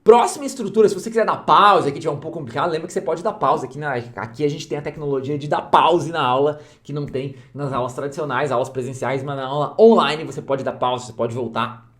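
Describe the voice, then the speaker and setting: A man's voice: a little high, fast, fairly bright tone. Casual man teaching English online. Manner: casual, repeats points with "tá?" and "né?". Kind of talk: online language lesson.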